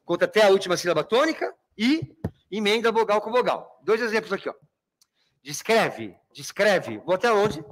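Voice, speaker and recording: A man's voice: high voice, animated, fast talker. A Brazilian man teaching a literature review class, often checking that students follow and calling them by fond names. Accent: Brazilian Portuguese. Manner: keeps checking understanding, addresses students fondly. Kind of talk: exam review lecture.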